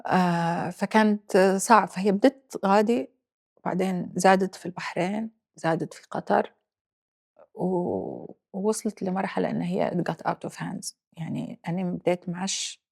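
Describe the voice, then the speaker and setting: Gravelly-voiced Libyan woman in her forties. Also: lowish voice, expressive, darkish tone. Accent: Libyan Arabic. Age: 40s. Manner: reflective, halting, mixes in English phrases. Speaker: guest. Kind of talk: personal interview.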